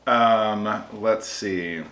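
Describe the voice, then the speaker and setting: A low-voiced American man chats through a casual taste test in a laid-back, agreeable way. He is recorded in an echoey room with faint noise behind him. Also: fairly even intonation, extremely slow, a bit bright. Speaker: food review vlog co-host.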